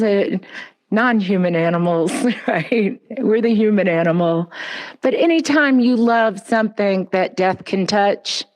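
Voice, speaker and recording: Woman, memorial address, slow and gentle, consoling, mid pitch. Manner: gentle, consoling, unhurried with soft pauses. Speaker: speaker at a pet memorial blessing. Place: outdoors at a memorial ceremony.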